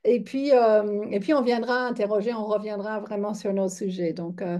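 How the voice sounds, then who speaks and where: Mellow-voiced woman in her fifties from Michigan. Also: medium pitch, steady tone. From Michigan, United States. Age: 50s. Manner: chatty, halting, many fillers and restarts. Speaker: yoga teacher. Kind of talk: online lecture.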